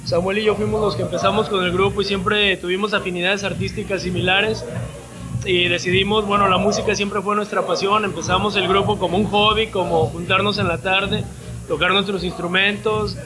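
A young man from Guadalajara with a Mexican accent, a bassist answering interview questions in a relaxed, thoughtful way. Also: fairly quick, low-quality recording. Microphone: handheld mic. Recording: music playing behind.

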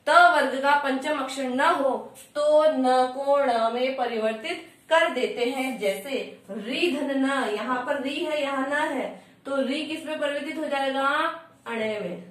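A woman teaching an exam-prep grammar lesson in a high voice, stating each rule and then asking her own questions and answering them. She sounds far from the microphone, in a strongly echoing room. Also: fairly even intonation, a little slow. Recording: echoey room, far from the mic.

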